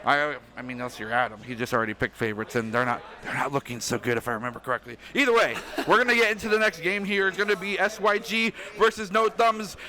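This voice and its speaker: A man's voice: high-pitched, sharp tone. A man casting an esports event at a studio desk, joking and bantering playfully with his co-caster. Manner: joking, playful, quick asides. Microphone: desk microphone.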